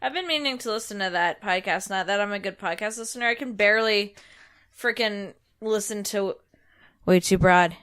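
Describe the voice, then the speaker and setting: A woman's voice: mid-range voice, normal speed, fairly bright tone, smooth. A woman co-hosting a podcast, chatting casually and teasing, often laughing through her lines. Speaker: podcast co-host. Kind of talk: casual chat.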